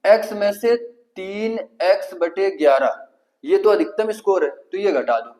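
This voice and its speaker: Unhurried and a little mellow, this high-pitched man teaches math for exam preparation in a Kanpuri Hindi accent. He asks the class questions and solves them himself step by step, and the audio is poor.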